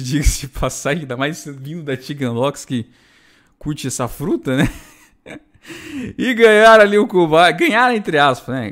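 A Brazilian man casually recapping wrestling shows, chatty and full of rhetorical tag questions. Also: mid-range voice. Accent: Brazilian Portuguese. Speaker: wrestling YouTuber.

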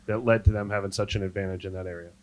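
A male reporter puts questions to a coach at a postgame press conference. His voice sits a little low, and he speaks plainly, with a few hesitations as he sets up each question. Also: steady tone, very fast, darkish tone.

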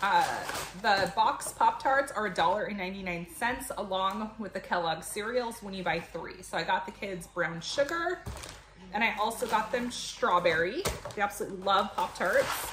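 In her home kitchen, a mother in her thirties vlogs a grocery haul, chatting casually and explaining things to a camera a few feet away. Her mid-range voice is animated and moderately paced, and the indoor recording is echoey and noisy, with clicks and rustling.

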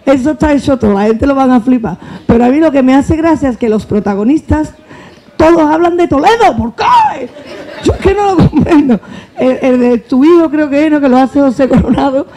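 On a book fair hall panel, an Andalusian-accented actress and comedian shares anecdotes fairly quickly in a voice that sits high. Expressive and laughing, she acts out the dialogue as she goes.

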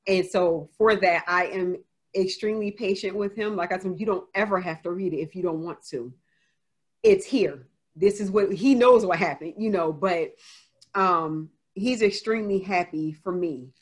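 A woman's voice: on the low side, normal speed. A woman author answering reader questions in a casual Q&A, telling a personal story candidly with frequent laughter. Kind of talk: casual live Q&A.

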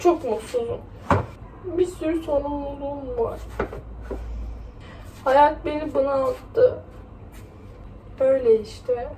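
High-voiced blunt young woman vlogging. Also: a little mellow, slight background noise. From Bursa, Turkey. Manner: blunt, outspoken, swears freely. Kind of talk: casual chatty vlog.

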